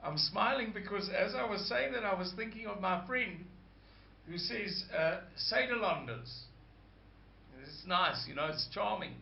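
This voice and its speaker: A man with a croaky voice, hosting a rambling casual monologue and stopping to search for words. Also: high voice, a little hiss or hum. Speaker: host. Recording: dull lo-fi sound.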